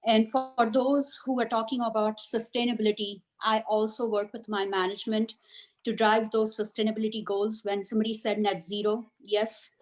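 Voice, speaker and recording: A woman's voice: on the high side, little pitch movement, moderate pace. A woman from India giving a self-introduction to a group on a video call. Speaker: call participant.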